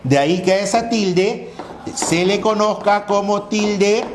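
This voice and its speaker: A male teacher giving a grammar lesson, asking questions and answering them himself, spelling out syllables slowly. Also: high voice, roomy sound, background noise.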